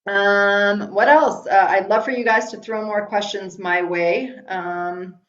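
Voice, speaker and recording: A middle-aged Iranian woman speaks slowly and steadily at a medium pitch, chatting from a room in her home during a live webinar as she answers viewer questions with lots of ums and restarts. Faint music plays behind her, and the video call audio sounds roomy, dull and lo-fi.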